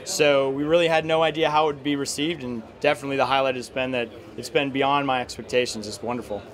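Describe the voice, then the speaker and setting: A man's voice: medium pitch, fairly even intonation, fast talker. Upbeat man with many fillers. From United States. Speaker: interview guest. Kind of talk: trade show interview. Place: busy indoor expo stand. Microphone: handheld mic held by interviewer.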